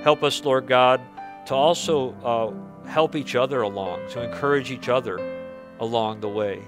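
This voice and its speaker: Earnest pastor at a pulpit microphone. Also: male voice, medium pitch, a little slow, music in the background. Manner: earnest, pleading, repeats words as he prays. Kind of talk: sermon and closing prayer. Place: church sanctuary.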